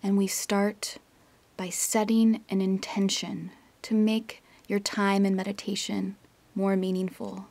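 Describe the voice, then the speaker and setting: Guiding a yoga nidra meditation, a woman uses a gentle, husky near-whisper edged with creak, keeping her pitch very even. Long pauses separate her instructions, and there's no room sound.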